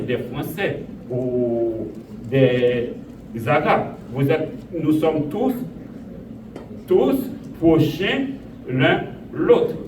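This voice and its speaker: Pastor, man from Haiti, slow repetitive preaching, echoey and off-mic. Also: fairly high pitch. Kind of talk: sermon. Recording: echoey room, voice from a distance, audible noise.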